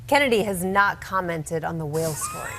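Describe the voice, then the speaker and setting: A woman delivering a news report in a measured, formal manner. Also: on the low side, animated, heavy background noise.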